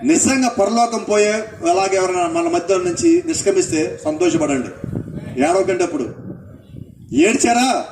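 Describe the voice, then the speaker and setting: A man's voice: high voice, animated, moderate pace, pauses often, reverberant, far from the mic, noisy background. A male pastor preaching a sermon, asking the congregation questions and acting out what people say.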